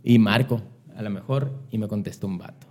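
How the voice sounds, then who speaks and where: A young man with a Mexican accent tells stories as a guest on a podcast. His voice sits a little low, and his talk is loose, slangy and animated. He slips into other people's voices as he recounts events. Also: a little fast. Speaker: guest, radio announcer and songwriter. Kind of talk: casual storytelling chat.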